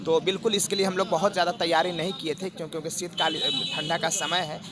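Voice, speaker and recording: A man, a protest spokesperson, making an earnest, measured appeal in a street interview. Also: on the high side, little pitch movement. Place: outdoor protest sit-in. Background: crowd.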